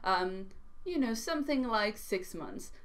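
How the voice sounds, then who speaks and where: A woman's voice: medium pitch, very animated, a little slow. A young woman from France, a native French speaker, chatting animatedly to camera about books, with frequent ums, in a small living room. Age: young adult. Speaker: book vlogger. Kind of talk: casual chat to camera.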